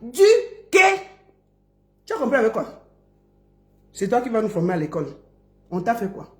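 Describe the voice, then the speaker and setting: A woman's voice: mid-range voice, lively intonation, brisk, a little mellow, echoey room. A woman from Cameroon, ranting in a mocking online stream and drawing out syllables like a schoolteacher. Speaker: online commentator. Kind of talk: mocking live-stream rant.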